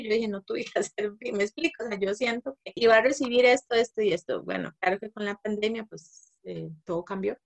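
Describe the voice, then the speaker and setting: A woman's voice: a little high, a bit bright. A woman with a Costa Rican accent, speaking as a parent in an interview. She talks casually and keeps tagging her sentences with "¿verdad?", often laughing between phrases. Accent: Costa Rican Spanish. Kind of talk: casual personal account.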